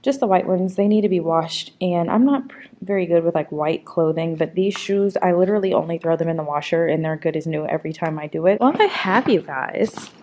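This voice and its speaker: A woman's voice: lowish voice, brisk, warm tone. A young woman chatting casually to camera in a vlog, rambling with lots of fillers and talking while walking about. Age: young adult. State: out of breath. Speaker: vlogger.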